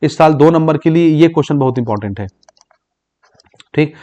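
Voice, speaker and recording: A man's voice: a little high, dark tone. A man teaching an exam-prep physics lesson, mixing Hindi with English terms and often checking "okay?" with his students. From Chhattisgarh, India. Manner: explains in Hindi mixed with English terms, repeating "ठीक" to check understanding; reads English exam questions slowly aloud.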